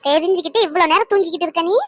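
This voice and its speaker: A woman's voice: extremely high pitch, rapid-fire, a bit bright, dry recording. Woman voicing a fretful cartoon village mother. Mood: scolding. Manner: lamenting, emotional, scolding. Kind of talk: Tamil cartoon voice acting.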